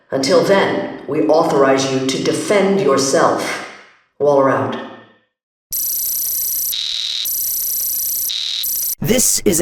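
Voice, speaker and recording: Amanda Waller, cold commander. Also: female voice, low-pitched, gravelly, exaggerated voice. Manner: cold, clipped, authoritative, threatening. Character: stern, commanding female government agency chief. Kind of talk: video game voice lines.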